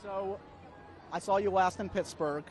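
A man's voice: high-pitched, fairly even intonation, measured pace. An American man in his thirties, chatty and enthusiastic, interviewing celebrities live on a red carpet with a handheld mic. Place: outdoor red carpet at a premiere. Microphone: handheld reporter microphone. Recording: busy outdoor crowd noise.

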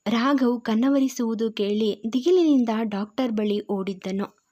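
Slow, mellow woman storyteller. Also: a little high. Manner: slow, measured reading. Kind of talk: scripted narration of a love story. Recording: dull lo-fi recording.

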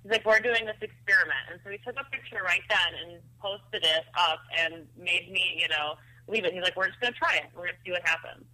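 A woman's voice: on the low side, a little fast, sharp tone. A woman calling in by phone, telling a story casually with lots of fillers and laughs. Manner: laughing, chatty, full of fillers. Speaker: guest on the phone. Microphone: telephone. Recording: thin phone line.

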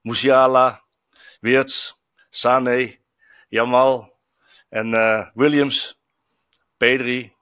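A man's voice: medium pitch, little pitch movement, very slow, pauses often, fairly bright tone, smooth, no echo, clean studio sound. A man, a football journalist reporting from abroad, chatting reflectively with many fillers and restarts. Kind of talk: casual chat. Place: in Stuttgart, on location.

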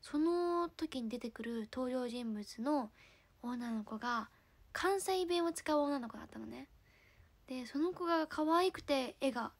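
Young woman, Hakata accent, high-pitched, casual livestream chat, giggly, soft murmurs. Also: expressive, measured pace. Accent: Hakata dialect. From Fukuoka, Japan. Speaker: idol livestreamer.

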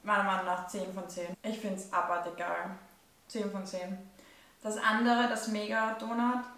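A woman's voice: medium pitch, fairly even intonation, normal speed, a bit bright. A woman, chatting casually about food in short remarks. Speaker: vlogger in a food taste test. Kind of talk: casual chat. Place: living room, indoors on a sofa. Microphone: camera a few metres away. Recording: very echoey room, distant microphone.

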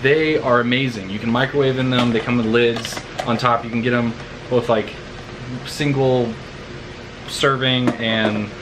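A man's voice: mid-range voice, fairly even intonation, a little slow. A young man in his twenties who works for a church, casually vlogging, chatty and rambling with lots of fillers. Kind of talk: casual vlog. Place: car, then home kitchen. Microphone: camera on dashboard, then camera on kitchen counter. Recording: distant camera mic with loud road noise.

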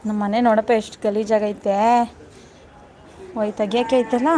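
A woman's voice: medium pitch, flat delivery, moderate pace. A young woman, filming a casual live vlog on a phone while coaxing a fussing toddler in sing-song baby talk. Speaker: mother vlogging live. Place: outdoors at a house under construction. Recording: loud outdoor noise, animals. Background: child crying, animals, work noise.

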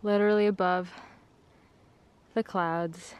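A woman's voice: on the low side, fairly even intonation, takes it slowly, smooth. A young woman in her twenties, chatty and upbeat, laughing often, filming a hiking vlog with a handheld camera outdoors. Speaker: vlogger. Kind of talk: casual vlog narration. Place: outdoors on a forest mountain trail. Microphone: handheld camera at arm's length.

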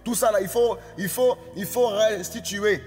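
High-voiced man, fiery singsong sermon, long hall reverb, faint music behind. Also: unhurried, darkish tone. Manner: exhorting, repetitive, singsong preaching cadence. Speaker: preacher.

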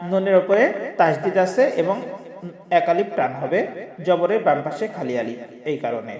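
A man teaching a prayer word by word, chanting each word slowly in a melodic way and then explaining the pronunciation rules quickly. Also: on the high side, animated, a little mellow, reverberant, long reverb tail. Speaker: Quran recitation teacher. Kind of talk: word-by-word recitation lesson.

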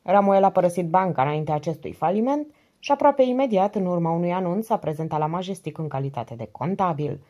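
A woman narrating an audiobook in a calm, measured reading voice. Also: lowish voice.

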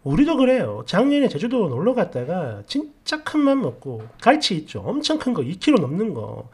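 A woman's voice: medium pitch, wildly swooping pitch, moderate pace, a little mellow, slightly rough. A woman narrating reader-submitted family stories in a chatty, indignant storytelling manner.

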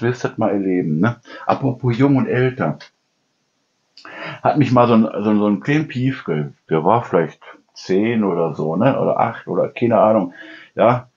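A middle-aged man chatting casually as host of a home cooking channel, rambling from story to story and tagging his sentences with "ne?". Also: medium pitch. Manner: chatty storyteller, constant "ne?" tags, mimics people. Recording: dull lo-fi sound.

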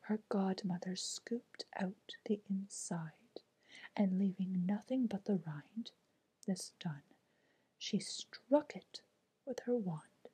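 A woman reading a fairy tale aloud in a soft, unvoiced whisper, ASMR style. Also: medium pitch, breathy edge, poor audio. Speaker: storyteller.

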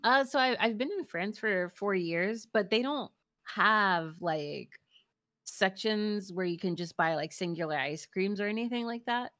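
A woman guest chatting casually while gaming, giggly and quick to apologize. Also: mid-range voice, a bit bright. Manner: apologetic, giggly, slow-paced. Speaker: streamer guest.

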